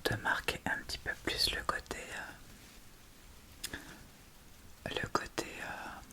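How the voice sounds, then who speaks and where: An ASMR video creator whispers breathily and gently, close to the mic, walking through a casual tutorial step by step at a slow, unhurried pace.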